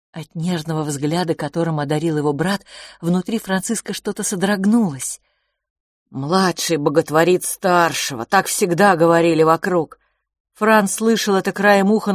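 Woman, audiobook narrator, expressive, dramatic reading, lowish voice, dry close sound. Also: no room sound.

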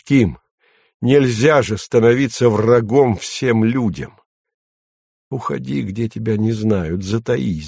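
A man's voice: medium pitch, creaky, a little mellow, no echo, clean studio sound. A man voicing a frightened, desperate grown man who pleads and defies.

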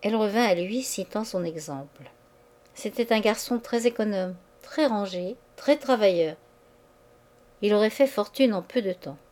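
A woman narrating a classic novel as an audiobook reader. Her reading is measured and expressive, shaping each phrase with care. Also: mid-range voice.

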